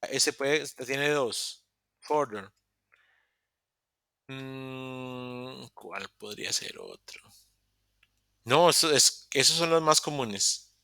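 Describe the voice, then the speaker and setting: Bright-voiced male teacher, bone-dry sound. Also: mid-range voice, takes it slowly, creaky, smooth, no room sound. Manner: explains step by step with many restarts and self-corrections. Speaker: English teacher. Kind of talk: live online class explanation. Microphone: video call.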